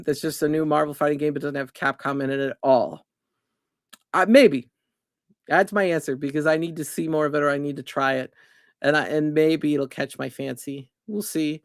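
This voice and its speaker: Middle-aged man, casual stream host, fairly high voice, dry close sound, chuckles and rambles. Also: a bit bright, no room sound. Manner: rambling, chuckling, self-correcting. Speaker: streamer hosting a weekly game chat. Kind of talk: casual livestream chat.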